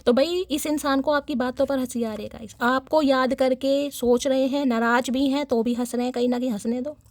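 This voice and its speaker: A woman giving a chatty collective tarot reading, teasing and sarcastic, and talking warmly and directly to her viewers. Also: sits high, fairly even intonation, brisk, no echo. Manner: affectionate address to audience. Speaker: tarot reader.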